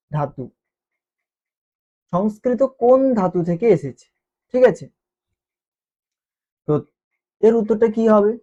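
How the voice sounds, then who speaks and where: A woman teaches an exam-prep lesson in a mellow, darkish voice. She repeats key terms and keeps checking in with the class by asking whether they follow. The recording is dull and muffled, like lo-fi audio. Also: mid-range voice.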